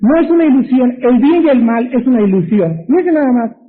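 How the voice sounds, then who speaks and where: A Mexican man delivers a sermon in a strikingly high voice, driving his points home with emphatic rhetorical questions. The sound is thin and narrow, like a phone line. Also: expressive, a little fast. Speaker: pastor.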